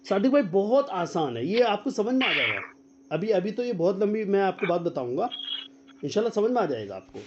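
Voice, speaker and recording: High, lively man teaching online. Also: highs cut off, a little hiss or hum. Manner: quizzes students and repeats their answers; spells out letters slowly, drilling. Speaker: Quran teacher. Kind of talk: online tajweed lesson. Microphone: video call.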